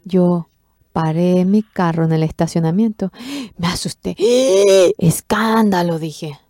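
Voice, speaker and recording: A woman interpreting a sermon testimony, expressive, acting out quoted speech with sudden jumps in pitch. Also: a little slow, no echo, clean studio sound.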